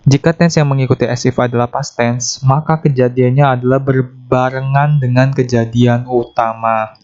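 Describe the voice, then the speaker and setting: A man's voice: mid-range voice, steady tone, a little mellow. Man explaining grammar, lo-fi sound. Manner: explains step by step, slows down to read English options. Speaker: English teacher. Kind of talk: exam-prep lesson explanation.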